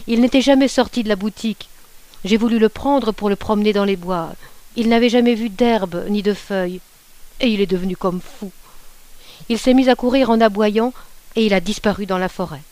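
A woman's voice: mid-range voice, moderate pace, darkish tone, dry recording, close to an everyday voice. A woman voicing a timid, henpecked young husband who stammers meekly. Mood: desperate. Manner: stammering, meek.

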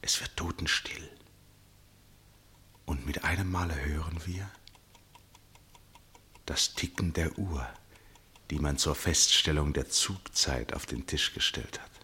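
An actor playing a first-person narrator in a literary radio play, a husky-voiced man telling his account in a measured, suspenseful way. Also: rumbling low, sharp tone, exaggerated voice. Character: male first-person narrator, absorbed witness of a chess match.

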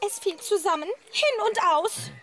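Flustered, very shrill young housemaid. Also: female voice, expressive, moderate pace, music in the background. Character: flustered, earnest young housemaid reporting kitchen disasters. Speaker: radio drama actor. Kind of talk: comic radio play acting.

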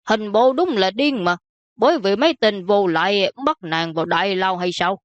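A woman voicing a vain, plump older prince who grumbles in a slow, huffy way. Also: medium pitch, dry recording, lo-fi sound, lightly acted. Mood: grumpy.

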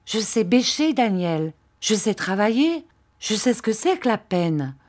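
A woman's voice: mid-range voice, very animated, unhurried, a little mellow. A tearful, imploring aging widow, as a woman reader puts her on. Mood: pleading. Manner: imploring, emotional.

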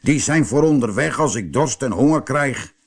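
A man's voice: medium pitch, moderate pace, slightly rough. Een man als slimme rustige schoenmaker. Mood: sly. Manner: calm, sly and friendly. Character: cunning easygoing male shoemaker.

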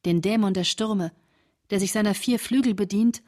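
Reading aloud from her wartime diary, a reflective woman is voiced by an actress in a measured, intimate literary radio drama style. Her voice is slightly husky and natural, medium in pitch with a darkish tone.

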